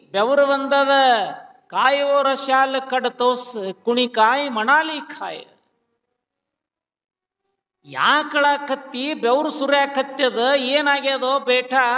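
A man's voice: very high voice, sharp tone, exaggerated voice. A man voicing a loving, stern royal mother who comforts her son, his tone tender and coaxing. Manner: tender, coaxing, then firmly blessing. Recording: long hall reverb.

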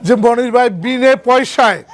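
A man's voice: very high voice, fairly even intonation, normal speed, a faint crowd. A man giving a spoken thank-you comment at an event. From Bangladesh.

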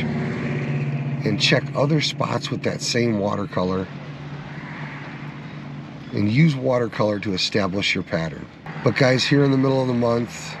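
A man's voice: on the low side, noisy background. A man hosting an outdoor fishing report, giving tips in a folksy, instructive way and calling his viewers "guys.". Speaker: fishing channel host. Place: outdoors on or by the river.

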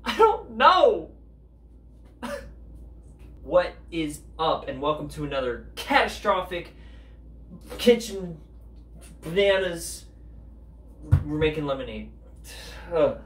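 A young man hosting a comedic home cooking vlog, goofy and jokey, sometimes breaking into loud mock commands, filmed in his kitchen on a camera mic. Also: fairly high pitch, sing-song, slow pace, long pauses, reverberant. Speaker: cooking video host.

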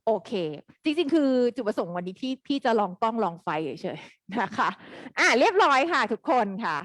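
A woman teaching an English grammar lesson live online, quizzing her students in a lively way. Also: on the high side, normal speed, dry recording.

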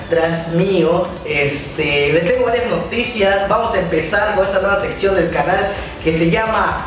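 A man's voice: sits high, normal speed, fairly bright tone. Young Mexican man, slangy, echoey room. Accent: Mexican Spanish. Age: young adult. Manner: loose, joking, full of slang and fillers. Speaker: YouTuber hosting a news segment. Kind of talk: casual slangy news chat to camera. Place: small indoor room, bedroom studio. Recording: echoey room, mic far off, faint hiss.

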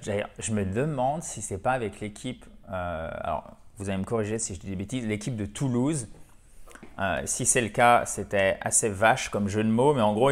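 This is a man with a French accent running an online English lesson. His voice sits at an ordinary middle pitch. He explains in a chatty, easygoing way and slows down to say his English examples clearly. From French-speaking. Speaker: English teacher.

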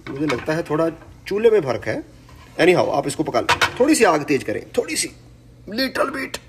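A young man hosting a casual cooking vlog, slightly hoarse, chatty and joking, mixing English words into his talk. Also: fairly high pitch, a little hiss or hum. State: slightly hoarse from singing practice. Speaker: cooking vlogger.

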